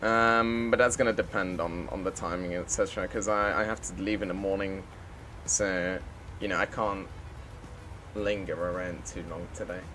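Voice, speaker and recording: A man's voice: low-pitched, fairly even intonation, moderate pace, bright, forceful tone, slight background noise. A man live-streaming a flight simulator, chatting casually and making the odd pilot radio call.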